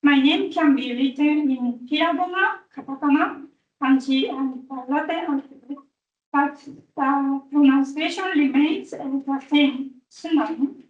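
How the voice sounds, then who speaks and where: Taking her time at an academic conference, a woman whose first language is Japanese speaks in a high voice, halting on fillers as she moves through her points. The sound is muffled and dull, with room echo and a far-off mic.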